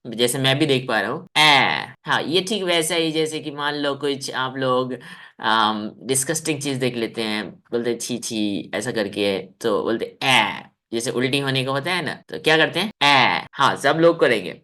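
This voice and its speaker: Bright-voiced male teacher coaxing a class. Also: mid-range voice, expressive, normal speed. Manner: coaxing, repeats checks like "ठीक है?" and demonstrates sounds. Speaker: online English teacher. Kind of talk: live online class for children. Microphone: video call.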